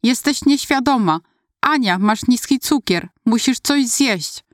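A woman reading aloud voices a panicked eleven-year-old boy who shouts urgent pleas at his sister. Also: fairly high pitch, lively intonation, unhurried, no room sound, clean studio sound, pitched above the performer's own voice. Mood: alarmed, pleading.

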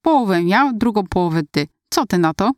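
A woman voicing a gentle, caring middle-aged mother who coaxes softly, in a storybook reading. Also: medium pitch, expressive, brisk, no echo, clean studio sound, lightly acted. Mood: gentle coaxing. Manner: soft, coaxing.

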